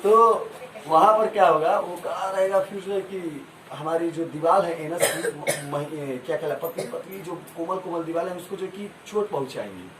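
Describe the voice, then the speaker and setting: Recorded far from the mic in a noisy, echoey room, a male school science teacher leads a call-and-response lesson, asking questions, having students repeat answers, and offering homely examples. His voice is fairly high and his speed is normal.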